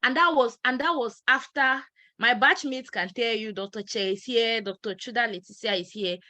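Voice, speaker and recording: A woman's voice: on the high side, normal speed, sharp tone, no echo. Emphatic woman giving advice. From Cameroon. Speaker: panelist doctor. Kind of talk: webinar advice talk. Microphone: video call.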